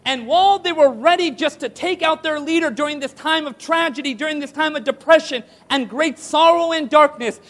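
A man's voice: extremely high pitch, fairly quick, hardly any pauses, fairly bright tone. A man preaching a sermon to a congregation, asking rhetorical questions and calling for responses. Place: church hall with audience.

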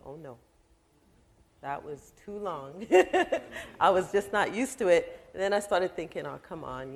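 Chatty woman sharing family testimony. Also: sits low. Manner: chatty, many fillers, quotes her own past words. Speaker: minister's wife. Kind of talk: personal testimony in casual conversation.

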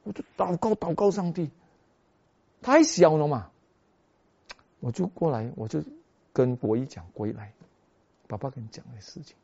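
A man preaching a sermon as a pastor, telling a story with animated delivery that swings between soft and loud. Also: a little high, moderate pace, creaky, long pauses, breathy edge. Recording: dull lo-fi recording.

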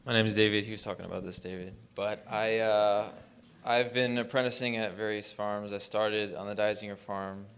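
Low, smooth-voiced young man. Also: fairly even intonation, moderate pace, a bit bright. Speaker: panelist, farm apprentice. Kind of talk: personal panel introduction.

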